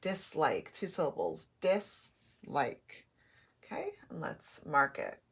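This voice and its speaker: A woman's voice: deep voice, huge pitch swings, normal speed, vocal fry, a bit bright, slightly rough. A woman teaching a phonics and spelling lesson, patiently sounding out letters and words.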